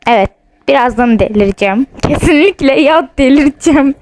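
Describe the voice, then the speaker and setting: A woman's voice: high-pitched, lively intonation, a little fast, darkish tone, no room sound, rough recording. A young woman vlogging at home with her phone while she plays a ghost-hunting app, jumpy and nervous, saying again and again that she is scared. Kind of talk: casual vlog, playing a ghost-hunting app. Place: at home, in a house.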